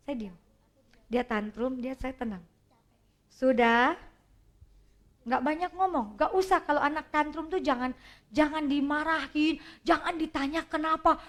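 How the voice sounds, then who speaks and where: A woman giving a church seminar on child development, animated at times and dropping to a soft hush at others. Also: high-pitched.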